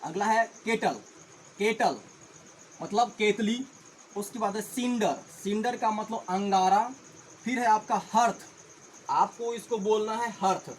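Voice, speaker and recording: Man, high-pitched, teaching vocabulary to viewers, addressed as friends. He spells and repeats each word. Faint insect noise in the background. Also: slow, pauses often, rough recording. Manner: spells words out letter by letter and repeats them. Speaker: English teacher. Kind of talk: vocabulary lesson in Hindi.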